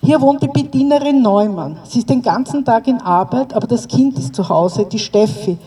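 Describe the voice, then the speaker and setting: A woman reading a story aloud and voicing a frightened but quick-witted woman caretaker who pleads with a police officer, her voice pitched up and pressing. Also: expressive, mellow, natural voice. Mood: urgent pleading. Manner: urgent, pleading, raised pitch. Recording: distant mic outdoors with faint ambience.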